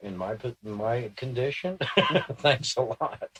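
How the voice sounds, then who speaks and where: A man's voice: mid-range voice, slow, a bit bright, slight background noise. A man in his sixties, a sitter in a channeling session, self-deprecating and stammering, often chuckling. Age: 60s. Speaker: sitter asking questions. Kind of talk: channeling session, casual chat.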